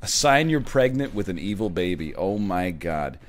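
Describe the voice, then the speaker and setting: A man's voice: sits low, normal speed, faint music behind. A man hosting a stream, reading game prompts aloud and ranting jokingly in casual banter with friends. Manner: animated, ranting, jokey.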